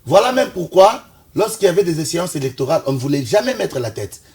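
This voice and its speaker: A loud crowd surrounds this political commentator from Kinshasa as he argues fast and insistently in a talk-show debate. His fairly high voice swings widely in pitch, and he pushes back against interruptions.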